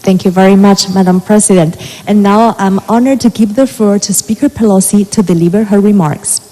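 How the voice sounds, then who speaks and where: A woman's voice: mid-range voice, brisk, mellow. A woman acting as master of ceremonies, making courteous, formal introductions. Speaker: master of ceremonies at official meeting. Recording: reverberant hall.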